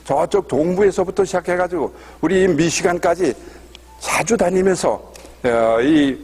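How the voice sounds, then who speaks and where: A man guiding a church history tour, telling a story in an animated way and asking the audience questions. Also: sits high, a little slow, husky. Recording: long hall reverb.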